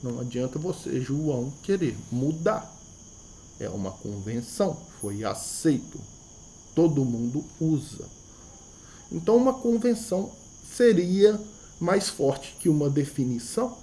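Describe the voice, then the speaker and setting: An unhurried, sing-song man's voice on the high side, mellow in tone, leads a math video lesson against slight background noise. With his Brazilian Portuguese accent, he works through ideas aloud, repeating key words and asking himself rhetorical questions.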